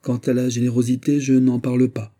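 A man's voice: medium pitch, monotone, brisk, warm tone, voice pushed up, close to an everyday voice. Man voicing a dying, fawning old cardinal. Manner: fawning, pleading, theatrical.

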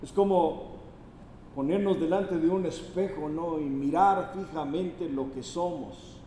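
High-voiced preacher in an echoing hall. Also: male voice, takes it slowly, dark tone, distant mic. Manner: emphatic, rhetorical questions. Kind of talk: sermon. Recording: echoey hall, faint background noise.

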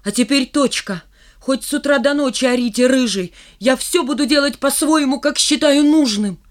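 Reader putting on a red-haired schoolboy, audiobook, defiant, emotional, near shouting. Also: medium pitch, a little slow, close to an everyday voice. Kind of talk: audiobook character reading.

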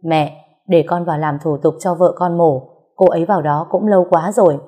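A woman's voice: lowish voice, steady tone, brisk, dark tone, lightly acted. A woman reading as a worried young husband. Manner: pleading, worried. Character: anxious young husband and father.

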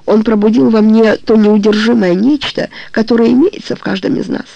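An audiobook reader voicing a weary, ashamed middle-aged woman who confesses to her suitor in a low, hollow, bitter tone. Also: fairly even intonation, fairly quick, creaky, mellow, highs cut off, a little hiss or hum, close to an everyday voice. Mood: confessing.

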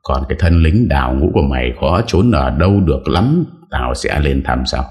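A man's voice: a bass voice, sing-song, moderate pace, a little mellow, full character voice. A man voicing a stern young martial-arts master who gives curt, firm orders. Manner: curt, commanding.

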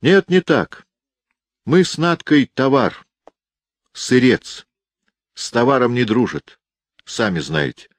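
A sardonic ten-year-old boy who sounds old beyond his years, as a male reader puts him on, raised well above the reader's deep natural register. He talks with flat, dismissive scorn in an audiobook reading, and the recording is dry and close. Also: takes it slowly, pauses often, dry recording. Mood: scornful.

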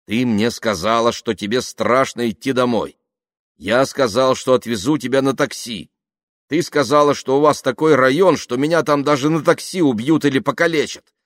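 A man's voice: extremely low pitch, moderate pace, no room sound, studio quality. A man reading an audiobook, voicing a tired, stern married man in his late thirties who answers curtly. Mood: scolding. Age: 30s. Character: weary married man, 38, stern, easily exasperated.

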